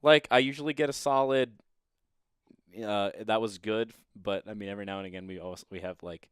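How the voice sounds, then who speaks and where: A young man in casual podcast chat, chatty and laughing easily, often trailing off quietly. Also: on the low side, steady tone, a little fast, clear, resonant tone, no room sound, clean studio sound.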